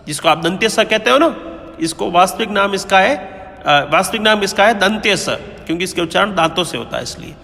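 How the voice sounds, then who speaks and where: A man with a high, pushed and bright voice delivers a classroom-style Hindi grammar lecture, with a long reverb tail on the sound. He explains patiently and keeps checking in with students, repeatedly asking "है ना?" and "ठीक है?".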